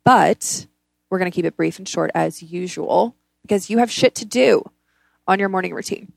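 A woman's voice: on the low side, normal speed, vocal fry, dry recording. A woman hosting a casual motivational self-help podcast, speaking informally and bluntly, with emphatic repetition of words. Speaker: podcast host.

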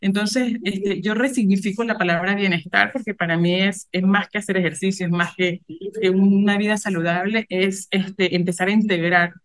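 A woman with a Venezuelan accent giving conversational interview answers as a guest, explaining haltingly and often repeating words. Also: medium pitch, fairly even intonation, no echo. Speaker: podcast guest, entrepreneur.

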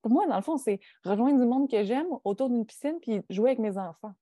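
A woman's voice: fairly high pitch, expressive, fairly quick, mellow, no echo, studio quality. A woman with a Quebec French accent hosting a casual podcast chat, colloquial and dropping in English words. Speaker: podcast host.

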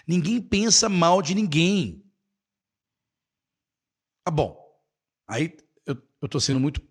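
Middle-aged Brazilian male English teacher, higher voice, emphatic and encouraging. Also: a bit bright, slightly rough. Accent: Brazilian Portuguese. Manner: encouraging, emphatic, repeats key phrases, switches into English. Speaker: English teacher hosting a live class. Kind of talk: live online class, answering viewers.

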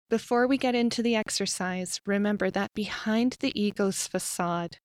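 Calm woman guiding a meditation. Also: medium pitch, no echo, clean studio sound. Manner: calm, slow and measured, with soft pauses. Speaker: podcast host. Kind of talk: guided meditation.

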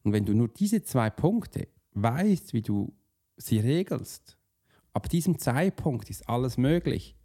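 Speaking slowly in a medium-pitched, sing-song voice with a dark tone, a profiling coach delivers a motivational teaching monologue on self-sabotage. He talks informally straight to the listener, asking casual rhetorical questions and restarting words mid-word.

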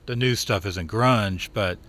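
A man guests on a casual chat, easygoing and a bit halting, often doubling his words. His voice sits somewhat low. He speaks as a touring band member. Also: a bit bright. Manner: easygoing, hesitant, repeats words.

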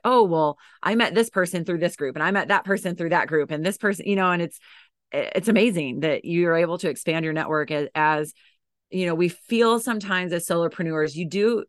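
With a deep voice roughened and tired by teaching, a dance educator and coach chats informally as a podcast guest. She often restarts and uses lots of fillers, and the studio-quality audio has no echo.

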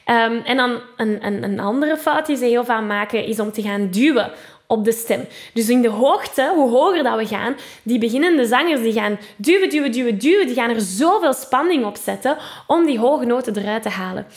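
A woman's voice: fairly high pitch, expressive, moderate pace. A woman with a Flemish accent, a singing teacher who explains vocal technique patiently and often adds "hè", breaking into short sung demonstrations. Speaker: singing teacher and podcast host.

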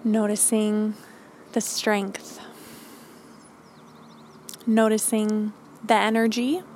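A woman podcast host leading a calm grounding meditation, giving gentle, encouraging instructions. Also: medium pitch, drawn-out words, a little hiss or hum.

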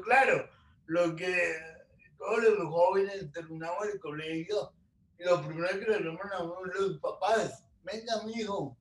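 A man's voice: sits high, recorded from a distance. A man who is a guest in an interview, telling his life story earnestly, repeating words and restarting his phrases. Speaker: guest, lawyer and social communicator. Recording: roomy echo, voice from off-mic.

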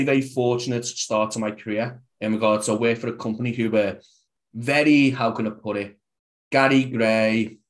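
Rambling Scouse man on a podcast. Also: mid-range voice. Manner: rambling, heavy use of "like". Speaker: podcast guest, fitness coach. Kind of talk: casual podcast chat.

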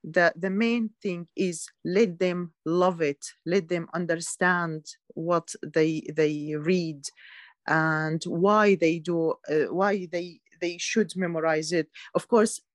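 A woman's voice: fairly low pitch, steady tone, slow pace, dry recording. A woman from Syria, talking as a guest in a casual chat, often hesitant and restarting her sentences. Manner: hesitant, many restarts and fillers.

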